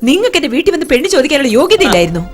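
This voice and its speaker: An indignant, high-voiced wife. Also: female voice, big pitch swings, racing. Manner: indignant, reproachful. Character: proud, indignant middle-aged wife and mother. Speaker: commissioner's wife. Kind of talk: dubbed film acting.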